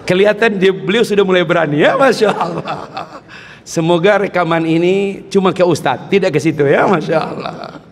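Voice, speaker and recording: A man preaching at a mosque, telling animated stories with jokes and frequent exclamations. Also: high-pitched, normal speed. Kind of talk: lively mosque sermon. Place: mosque hall. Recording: long mosque reverb.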